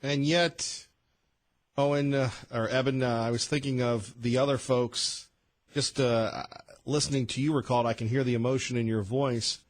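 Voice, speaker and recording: A man's voice: medium pitch, fairly even intonation, moderate pace. A man hosting a radio talk show, conversational and direct, in a studio. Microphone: studio mic.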